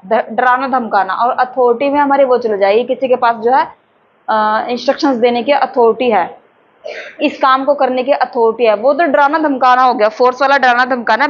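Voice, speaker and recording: A woman teacher, lecturing a class and slowly dictating terms for notes in a chatty way. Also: sits high. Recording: dull lo-fi with faint background noise.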